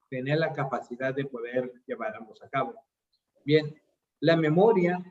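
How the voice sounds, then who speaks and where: A Mexican man gives an online seminar on addiction counseling, explaining the concepts step by step. His voice is slightly high with a darkish tone, and the audio is dull. He relies heavily on fillers like "este."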